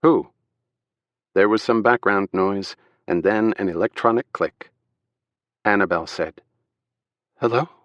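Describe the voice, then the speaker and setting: A man reading a thriller audiobook aloud in measured, steady scripted narration. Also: lowish voice, no echo, dull audio.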